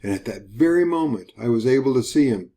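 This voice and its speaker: A man teaching a Bible study in an earnest, measured way, retelling a scripture story and reading passages aloud. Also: medium pitch, animated, mellow.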